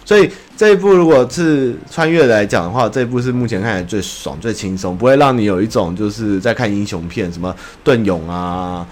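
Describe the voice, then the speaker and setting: Low and darkish in tone, this young Taiwanese podcast host talks fast with hardly any pauses, rambling through a casual anime chat. He's blunt, swears freely, and slips into mocking voices.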